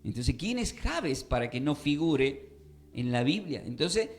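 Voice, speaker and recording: A man's voice: on the high side, big pitch swings, measured pace. Emphatic teacher, man. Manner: questioning, emphatic teaching with repetitions. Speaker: Bible teacher. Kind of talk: radio Bible class. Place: radio studio.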